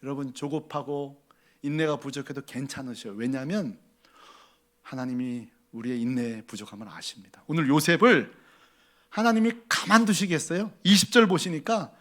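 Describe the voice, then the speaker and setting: A male pastor preaching a sermon, swinging dramatically between loud appeals and near whispers. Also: on the high side, moderate pace.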